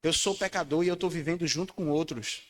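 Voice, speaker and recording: Male pastor, higher voice, emphatic sermon, echoing church hall. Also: brisk. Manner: emphatic, calls for congregation responses; swings between loud high declarations and low quiet lines. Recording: long church hall reverb.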